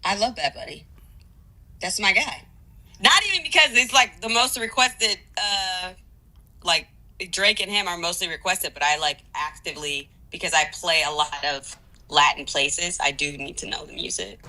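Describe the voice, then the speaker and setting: Bright-voiced woman on speakerphone. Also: on the low side, moderate pace, poor audio. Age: 30s. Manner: relaxed, loose, searching for words. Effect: heard over a phone on speakerphone. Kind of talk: casual chat.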